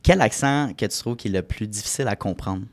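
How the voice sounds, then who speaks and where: A man's voice: on the low side, fast. A man with a Québécois French accent who hosts a podcast interview, chatty and full of fillers. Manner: chatty, many fillers and restarts. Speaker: podcast host.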